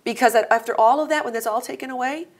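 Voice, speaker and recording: A woman's voice: on the high side, fast talker. A woman from the American Midwest co-hosting a talk show, speaking earnestly and reflectively in casual conversation. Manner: earnest, musing. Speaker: co-host.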